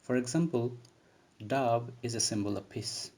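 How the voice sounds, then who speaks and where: In this recorded poetry lecture, a man with a medium-pitched, darkish voice takes an unhurried approach. He walks through the poem's terms one step at a time, in a methodical manner.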